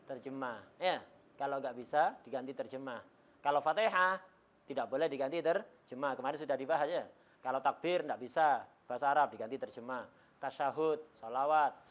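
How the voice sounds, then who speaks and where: A man's voice: on the high side, lo-fi sound. A man gives a religious lecture in a class, explaining step by step and answering his own questions, often restarting words. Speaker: religious teacher. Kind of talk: classroom lecture on Islamic law.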